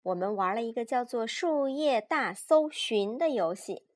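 A young mother reading a picture book aloud to her child at bedtime, patient and animated. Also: a little high, a little slow. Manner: gentle, patient, animated storyteller.

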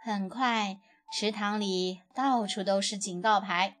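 Reading a children's picture book aloud, a woman tells the story expressively in a mid-range voice at a slow pace. Faint music plays in the background.

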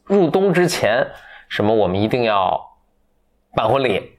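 A man voicing a stubborn male mole suitor in a spoken fairy tale, slow and insistent. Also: mid-range voice, very animated.

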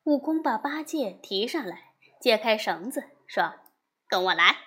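A woman narrating a classic storybook tale in an expressive, measured way. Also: a little high, husky.

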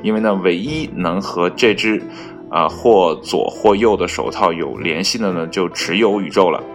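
A man with a very low voice reads an article aloud in a loose, chatty way, filling the gaps between phrases with little particles. He stumbles on foreign names and openly fixes them, and faint music plays underneath. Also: moderate pace. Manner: heavy use of filler particles between phrases. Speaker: reader of an online article. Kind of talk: casual read-aloud with chatty asides.

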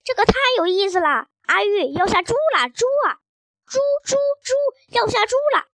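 A woman reading a children's story, voicing an excitable, playful father with loud, gleeful exclamations. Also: very high-pitched, brisk, no room sound, clean studio sound.

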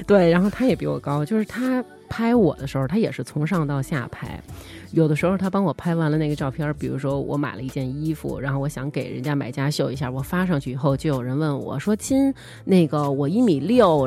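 Fast-talking woman. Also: low-pitched. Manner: animated, laughs often, acts out dialogue. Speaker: podcast co-host. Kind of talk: casual chat, comic storytelling.

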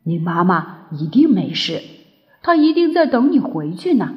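A woman voicing a huge, lonely male tyrannosaurus who is gruff but gentle, speaking low, slow and halting in a storybook reading. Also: lively intonation. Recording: dull lo-fi recording.

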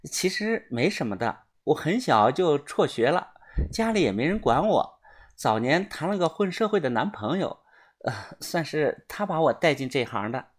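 A woman's voice: deep voice, sing-song, normal speed. A woman voicing a frank, world-weary young woman who talks in a wry, matter-of-fact way in a storybook reading.

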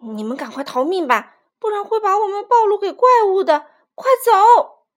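A woman's voice: sits high, animated, a little slow. A woman doing a trembling, frightened old rooster. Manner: hushed and urgent.

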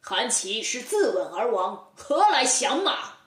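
A stern, upright old judge, as a woman storyteller puts him on, firm and commanding in a children's storybook telling. The voice moves with lively rises and falls, unhurried, and sounds roomy and a little off-mic. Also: very high voice, far from the mic, exaggerated voice.

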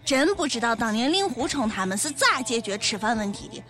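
Bright, high-voiced Shaanxi-accented woman. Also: sing-song, brisk, soft background music. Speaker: comedic co-host. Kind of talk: scripted comic commentary.

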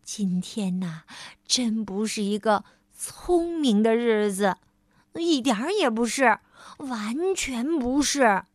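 Female storyteller, slow, animated delivery for kids, dry booth sound. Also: fairly high pitch, no echo. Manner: lively, with many drawn-out fillers in character lines. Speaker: children's storyteller. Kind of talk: storybook reading for children.

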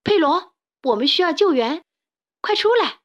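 A woman's voice: high-pitched, animated, normal speed, no room sound, highs cut off, voice pushed up. Woman voicing a fiery little hen chick. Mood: shouting. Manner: shouting, indignant. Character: fiery young hen chick, angry and bossy.

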